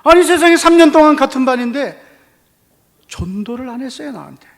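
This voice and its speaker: A man with a Gyeongsang Korean accent preaching a testimony sermon, telling his story with lively acted-out dialogue. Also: extremely high pitch, fairly quick, gravelly. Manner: animated storytelling, acting out dialogue. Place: church hall. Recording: long church reverb.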